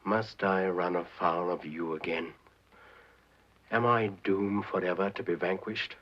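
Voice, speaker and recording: A suave, scheming male devil in a 1940s film, pompous and theatrical in every line. His voice sits low and is a little husky. The sound is dull and muffled, like an old movie print. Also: fairly even intonation, unhurried. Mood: indignant. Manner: grand, theatrical, pleading.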